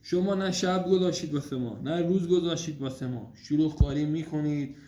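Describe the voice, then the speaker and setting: A man at home at night, gently and affectionately coaxing his small daughter to go to sleep. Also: on the high side. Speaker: father putting his toddler to bed. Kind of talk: casual talk with a small child. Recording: roomy room with faint noise.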